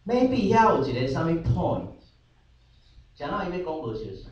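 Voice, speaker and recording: Leading a chatty Bible study, a man with a slightly high voice and big pitch swings speaks at normal speed, responding to students, dropping in English terms and using lots of filler particles. Dull audio places him far off in a very echoey room over a faint background hum.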